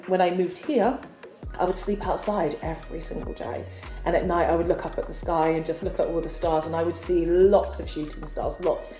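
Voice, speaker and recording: A woman's voice: lowish voice, dark tone, echoey room. A woman from England earnestly telling a personal spiritual story in a casual vlog. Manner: earnest, confessional. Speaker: spiritual vlogger.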